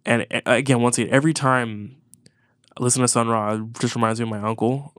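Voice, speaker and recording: A man's voice: mid-range voice, fairly even intonation, fast, a bit bright, no echo, studio quality. A congested man on a podcast, chatting casually and rambling with frequent swearing and restarts. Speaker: podcast co-host. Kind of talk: casual chat about music.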